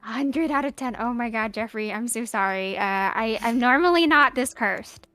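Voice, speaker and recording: A woman's voice: a little high, normal speed, a bit bright, no echo, faint music behind. Playful, giggly woman streamer. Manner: playful, giggly, jokes about herself. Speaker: streamer playing a visual novel. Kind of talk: casual live-stream chat and reading game lines.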